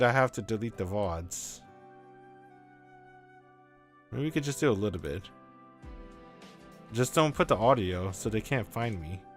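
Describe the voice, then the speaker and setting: Tired dude streaming a game, reads the story out loud, swears a lot, voice jumps around a ton. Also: male voice, mid-range voice. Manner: animated, swears casually, reads narration aloud. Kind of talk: casual game stream chat and reading narration aloud.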